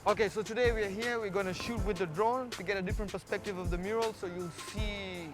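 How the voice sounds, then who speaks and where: This is a fast-talking man from Kenya with a high voice and fairly even intonation, with music in the background. Featured as a street artist in a documentary, he chats casually and thoughtfully on an interview and walk-along, frequently repeating words for emphasis.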